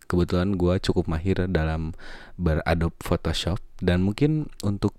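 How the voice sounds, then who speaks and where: Young male host, very low mellow voice, dry close sound, jokey banter. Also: fairly even intonation, normal speed, dry recording. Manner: joking, laughs often, slangy Jakarta banter. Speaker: host reading listener messages. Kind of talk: casual podcast chat.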